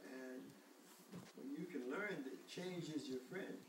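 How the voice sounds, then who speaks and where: An echoey, slightly distant recording with faint noise carries an older man's voice. He reads to children at a slow pace, telling the story expressively with asides. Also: on the high side. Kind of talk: reading aloud to children, with asides.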